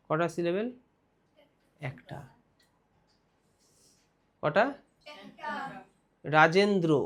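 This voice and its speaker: A man's voice: fairly high pitch, fairly bright tone. Young guy teacher, west bengal accent, asks a question then answers it himself, stretches out key words. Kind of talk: exam grammar lesson.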